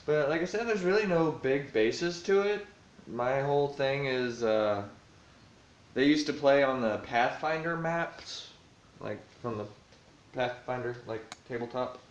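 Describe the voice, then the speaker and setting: A man's voice: mid-range voice, a little slow. A man vlogging casually about the tabletop campaign he runs as dungeon master, thinking aloud and rambling with lots of fillers, recorded in a room at home. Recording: roomy, dull lo-fi home recording.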